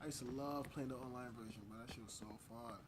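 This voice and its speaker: A man's voice: medium pitch, fairly even intonation, fast, background noise. A man giving casual, slangy let's play commentary as he plays a video game. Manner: laid-back, slangy. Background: game music.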